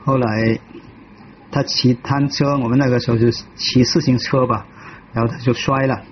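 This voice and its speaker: Halting man telling his story, lo-fi. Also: medium pitch, little pitch movement, slight background noise. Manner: halting, with many restarts and repetitions. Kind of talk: personal testimony.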